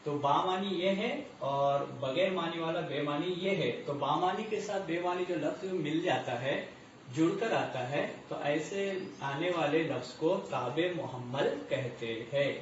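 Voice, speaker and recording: A man teaching a grammar lesson. He repeats the terms slowly and asks and answers his own questions. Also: fairly high pitch, a little hiss or hum. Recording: muffled echoey distant recording.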